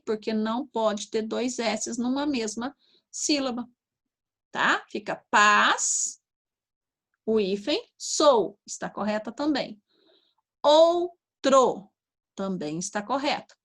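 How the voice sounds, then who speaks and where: A Brazilian Portuguese-speaking woman teaching young children, slowly sounding out syllables and checking in often. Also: on the high side, a bit bright. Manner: slow, sounding out syllables, frequent "tá?" and "ó". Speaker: primary school teacher. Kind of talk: online lesson to young children.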